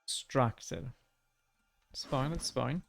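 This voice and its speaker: A man's voice: mid-range voice, takes it slowly, creaky, a little hiss or hum. A man doing casual video game commentary, sometimes muttering to himself and reading on-screen text aloud in a hesitant way. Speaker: gaming streamer. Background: faint game music.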